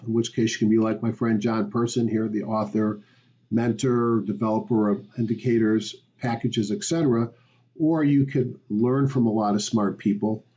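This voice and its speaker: A man's voice: mid-range voice, warm tone, highs cut off. A man, a stock market educator, hosting a weekly market review, talking conversationally and rambling with fillers.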